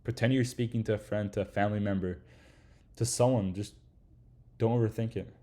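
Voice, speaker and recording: Laid-back man with a mellow, low voice. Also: fairly even intonation, brisk. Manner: laid-back, slangy, swears casually, peppers speech with "like" and "right?". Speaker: YouTube creator giving advice. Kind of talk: casual motivational lecture.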